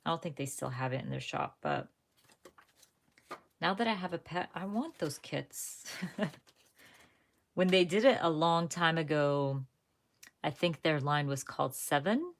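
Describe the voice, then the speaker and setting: A woman's voice: deep voice, animated, a little slow, pauses often, a little hiss or hum. A young woman hosting a live crafting stream, chatting casually and rambling to her viewers, often correcting herself mid-sentence. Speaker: crafting livestream host.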